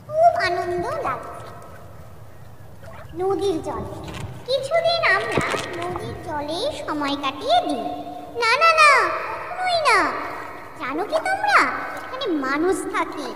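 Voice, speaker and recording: A woman voicing a sweet, high mermaid. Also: wildly swooping pitch, slow, long pauses, full character voice. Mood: cheerful. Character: gentle pleading mermaid, leader of a group. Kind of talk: cartoon voice acting. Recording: echoey long reverb with loud background noise.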